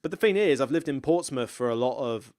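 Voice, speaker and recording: A man's voice: medium pitch, animated, brisk, a little mellow. Chatty West Country man in his thirties. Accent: West Country Somerset, slightly blurred. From West Country, England. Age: 30s. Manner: rambling, chatty, self-deprecating with frequent asides. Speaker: board game channel host. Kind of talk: casual live Q&A chat.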